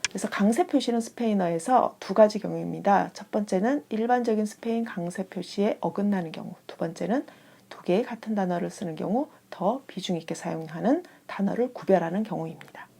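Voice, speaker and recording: A young woman gives an online Spanish lesson in a calm, clear way. Her voice is dark and mellow, with a gravelly, slightly husky edge. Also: medium pitch, fairly quick. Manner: calm, clear explanatory delivery. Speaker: Spanish teacher. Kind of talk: scripted online language lesson.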